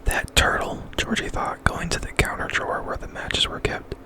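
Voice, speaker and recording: A man reading a novel aloud as ASMR in a breathy, intimate whisper, very close, as if right in the listener's ear. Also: normal speed, sharp tone.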